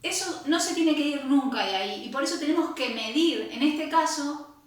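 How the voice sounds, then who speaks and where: Woman teaching bass in an echoey room. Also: lively intonation, normal speed. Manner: explains patiently, sings rhythms with syllables and counts aloud. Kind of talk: instructional music lesson.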